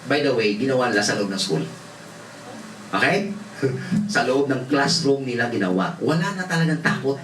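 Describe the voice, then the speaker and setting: A man's voice: medium pitch, lively intonation, moderate pace, long pauses, a crowd in the background. A male pastor from the Philippines preaching a sermon, telling stories with laughter and mixing in English. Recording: roomy hall, voice from far off, faint noise.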